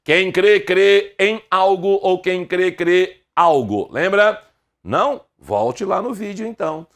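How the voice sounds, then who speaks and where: Slow, deliberate man teaching grammar. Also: sits high, lively intonation, a bit bright. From Brazil. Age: middle-aged. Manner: slow, deliberate, with many rhetorical questions. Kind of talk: online grammar lesson.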